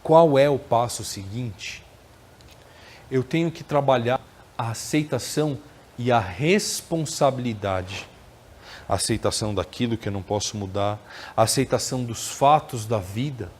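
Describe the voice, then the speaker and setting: A man lectures at a spiritist center in an easy, conversational way. His pitch sits in the middle, and he keeps checking in with the audience through short tag questions. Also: moderate pace, long pauses, a little mellow, slight background noise. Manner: conversational, frequent tag questions, acts out quoted dialogue.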